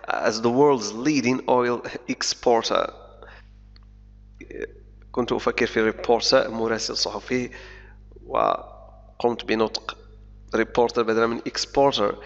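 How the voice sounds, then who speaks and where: Male English tutor with a gravelly voice; reads news lines slowly and explains each one. Dull, reverberant recording. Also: mid-range voice, fairly bright tone. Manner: pauses with fillers and corrects his own slips. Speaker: English teacher. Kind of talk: reading a news article aloud and explaining it. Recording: dull lo-fi sound with long reverb.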